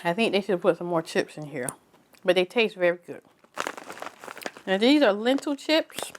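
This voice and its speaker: A woman's voice: medium pitch, very animated, moderate pace. Chatty woman vlogger, casual snack review, faint noise and bag crinkles behind. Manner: chatty, tasting food while talking, trailing restarts.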